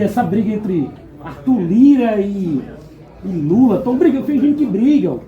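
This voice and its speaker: Music plays behind a panel guest in a casual discussion, a man whose voice sits high and sounds mellow. He talks in a loose, rambling way full of restarts and asides, captured in a muffled recording.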